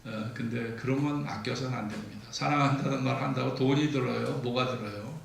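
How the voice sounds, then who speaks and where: A man's voice: mid-range voice, fairly even intonation, brisk, creaky, a little hiss or hum. A man preaching a sermon as pastor, telling stories and acting out the lines of the people in them. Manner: storytelling, acts out quoted dialogue. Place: church sanctuary. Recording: echoey church hall, mic from a distance.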